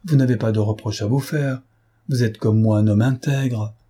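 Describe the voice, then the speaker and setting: A man reading aloud who voices an anxious, fussy butler in a hushed, worried way. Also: medium pitch, fairly even intonation, moderate pace, husky, close to an everyday voice.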